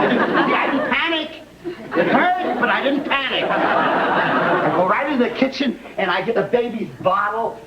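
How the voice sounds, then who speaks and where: An actor playing a naive, nervous young man who stammers and rushes, eager to prove he can babysit. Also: very high-pitched. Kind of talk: 1960s sitcom acting. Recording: dull old TV audio with hiss and studio audience.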